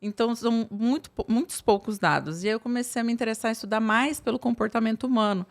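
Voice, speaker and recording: A woman's voice: on the high side, fast talker. Brief: woman, 30s, psychiatrist guest, chatty storytelling, lots of fillers. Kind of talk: casual interview talk.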